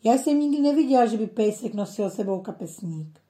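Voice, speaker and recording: A woman's voice: fairly high pitch, lively intonation, mellow, lightly acted. A woman voicing a curious little boy in a storybook reading, eager and full of questions.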